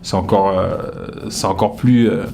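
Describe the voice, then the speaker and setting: Low, a little slow, and creaky, this young man's voice belongs to a comedian from France being interviewed. He rambles casually with frequent fillers, speaking with a Paris-suburbs accent faintly tinged by Québec.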